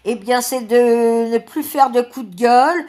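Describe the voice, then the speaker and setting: A woman's voice: fairly high pitch, unhurried, warm tone. A woman with a French accent talking casually and affectionately to her subscribers in a vlog, with many hesitations. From France. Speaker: YouTuber.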